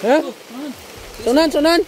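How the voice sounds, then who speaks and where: A man, talking loud and urgently outdoors while trying to calm others down. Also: very high voice, measured pace, background noise.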